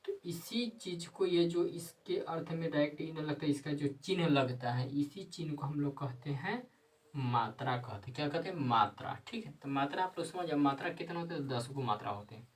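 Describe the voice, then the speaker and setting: A man teaching a grammar lesson, repeating himself and answering his own questions, sometimes dictating slowly word by word. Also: on the high side, lively intonation, far from the mic, poor audio.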